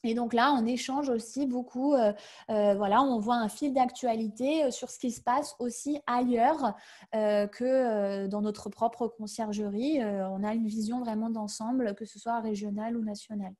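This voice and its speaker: A woman's voice: a little high, fairly even intonation, moderate pace, darkish tone. A woman guest on a webinar answering questions about her career change, talking casually with many fillers and restarts over a video call.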